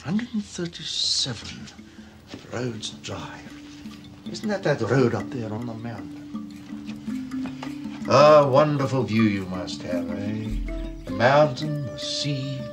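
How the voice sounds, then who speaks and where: An apartheid-era police interrogator, coolly bureaucratic and taunting, animated delivery. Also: male voice, medium pitch, takes it slowly, pauses often, over music. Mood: menacing mockery.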